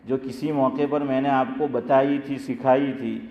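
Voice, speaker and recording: A male preacher delivers a storytelling lecture in a big room with long, ringing reverb. He often poses a question and answers it himself. The sound is muffled and lo-fi. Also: mid-range voice. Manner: asks rhetorical questions and answers them himself; lively storyteller, rises sharply when telling jokes. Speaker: Islamic scholar and teacher. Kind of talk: Urdu religious lecture with anecdotes. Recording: echoey hall, dull lo-fi sound.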